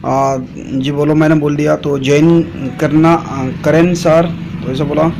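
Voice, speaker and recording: Rambling man with a slightly high voice. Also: level tone, unhurried, creaky, background noise. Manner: rambling, lots of "aa" fillers and "theek hai" tags; reads out chat messages aloud. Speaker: MLM channel host. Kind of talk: casual storytelling to viewers.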